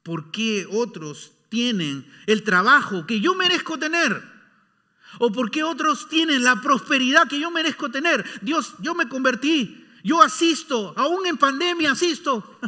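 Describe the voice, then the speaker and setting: A man's voice: very high-pitched, sharp tone, long reverb tail, voice pushed up, heavily acted. A man preaching plays a resentful older brother who complains that he deserves more, asking indignant questions.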